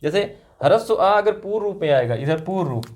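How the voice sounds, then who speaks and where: High-voiced male teacher drilling grammar rules. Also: lively intonation, a little fast, darkish tone. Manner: checks understanding constantly, tag questions like "right?"; repetitive, drilling rules step by step. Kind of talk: classroom lecture with call-and-response.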